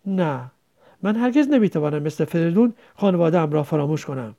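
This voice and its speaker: A woman's voice: deep voice, animated, mellow, dull audio, pitched below the performer's own voice. A woman voicing a shy, affectionate teenage village girl who clings to her brother, in a read-aloud story. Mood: pleading. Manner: tender, pleading.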